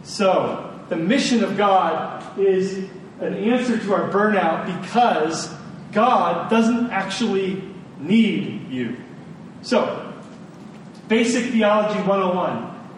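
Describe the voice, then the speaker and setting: An animated, slow-speaking man preaches to a congregation in a large room, emphatic and informal, repeating phrases for stress and making colloquial asides. Echo, a distant mic and a faint rumble mark the recording.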